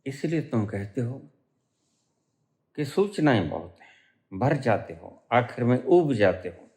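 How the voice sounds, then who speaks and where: A middle-aged male spiritual teacher delivering a discourse at an unhurried pace. His pitch swings widely as he leans on key words, pauses for effect, then lifts his voice to drive a point home. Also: sing-song, a little mellow. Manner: slow, emphatic preaching with dramatic pauses and rising stresses.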